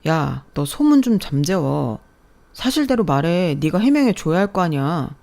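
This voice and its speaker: A woman's voice: low voice, expressive, fairly quick, mellow. A woman voicing a blustering ex-husband who talks in a demanding, accusing way.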